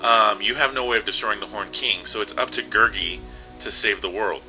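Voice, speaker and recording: Young male let's player, chatty, lower pitch, crisp bright tone, light game music. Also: normal speed, poor audio. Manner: chatty, reads game text aloud. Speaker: let's play host. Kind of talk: casual game commentary.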